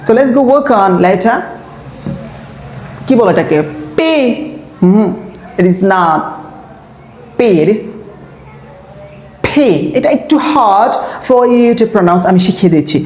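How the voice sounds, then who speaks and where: A woman teaching an English pronunciation lesson, drilling example words slowly and asking and answering her own questions. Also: medium pitch, expressive, darkish tone, slight background noise. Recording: roomy echo.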